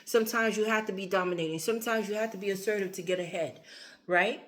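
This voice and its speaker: Speaking fast in a medium pitch, a tarot reader wanders through her reading with repetition, filler words, and side remarks. Her voice is getting a bit strained as it starts to give out, and there's a slight hiss or hum in the recording.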